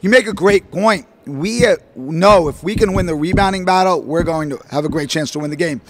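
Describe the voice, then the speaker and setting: A middle-aged male basketball coach answering questions at a postgame press conference, talking in animated, rambling bursts full of fillers into a podium microphone. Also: on the high side, brisk, no echo. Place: press room, standing at a podium before a logo backdrop.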